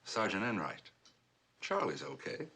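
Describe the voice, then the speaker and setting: A man's voice: lowish voice, wildly swooping pitch, measured pace, pushed and bright, husky, full character voice. An actor playing a bumbling, deferential police sergeant in a 1970s TV crime drama, fumbling his words.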